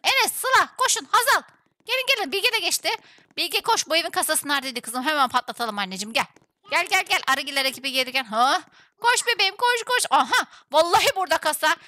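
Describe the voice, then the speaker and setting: A woman streamer giving excited commentary over an online game, urging her teammates on with rapid repeated words. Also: very high voice, no echo.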